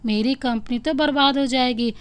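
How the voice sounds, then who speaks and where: A woman voicing a stern, bossy young male boss who lectures quickly in a scolding way. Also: high-pitched, steady tone, smooth, natural voice.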